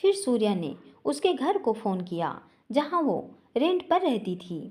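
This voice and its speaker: A woman narrating a family drama story in an expressive, dramatic way. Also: on the high side, measured pace.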